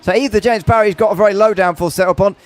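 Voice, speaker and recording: A man's voice: sits high, steady tone, fast talker, no room sound. A man commentating on a motor race, hesitant with many fillers and restarts.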